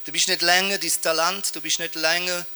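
A man preaching a sermon in a lively, emphatic and playful way. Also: high-pitched, fairly quick, clean tone.

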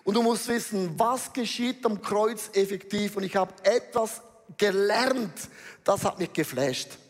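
A man preaches a sermon to a congregation in an emphatic, slangy style, dropping in English phrases. His high-pitched voice is unhurried, and the hall is reverberant.

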